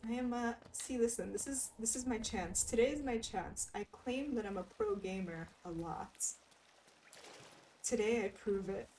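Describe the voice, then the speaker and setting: A woman's voice: fairly high pitch, a little slow, darkish tone. A woman streamer giving casual, playful commentary while she plays, giggling and teasing herself. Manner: playful, giggly, self-mocking. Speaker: game streamer. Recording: slightly distant mic, faint noise.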